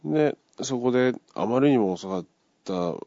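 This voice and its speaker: A man's voice: medium pitch, lively intonation, moderate pace, dark tone, no echo. A man casually retelling a dream he had, acting out the voices of the people in it. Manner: acts out the voices of people in the story. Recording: dull lo-fi dry recording.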